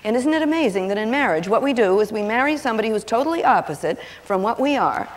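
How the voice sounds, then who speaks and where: A woman giving a lively teaching talk, telling stories and acting out what people say in changing voices. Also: on the high side, fast talker. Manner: animated, acts out quotes in changing voices. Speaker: seminar speaker on personality and marriage. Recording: long hall reverb on an old videotape.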